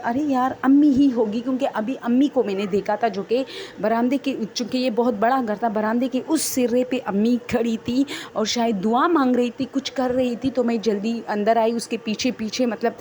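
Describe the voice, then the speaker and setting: A woman's voice: fairly high pitch, dark tone, slight background noise. A woman telling her own horror story in a rambling, unscripted, conversational way.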